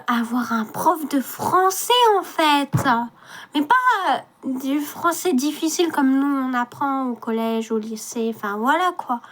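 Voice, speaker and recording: A woman chatting casually to viewers while unboxing, trailing off and restarting often. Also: sits high. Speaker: vlogger.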